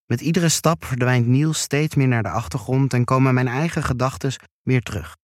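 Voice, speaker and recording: A man reading a first-person erotic story aloud in a slow, hushed, intimate way. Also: medium pitch, no echo, studio quality. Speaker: narrator.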